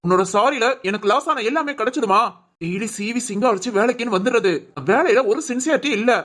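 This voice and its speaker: Woman playing a scornful shouting male boss. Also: on the high side, animated, fast. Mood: scolding. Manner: berating, scornful.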